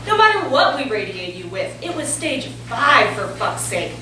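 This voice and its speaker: A woman's voice: fairly high pitch, big pitch swings, moderate pace, sharp tone. A woman playing a brash, evasive oncologist in a staged play, with an emphatic, theatrical delivery. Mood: irate, impatient. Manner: theatrical, emphatic, switching to stiff medical jargon. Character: brash, foul-mouthed woman oncologist, evasive and clinical with patients. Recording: very echoey room, distant mic, faint noise.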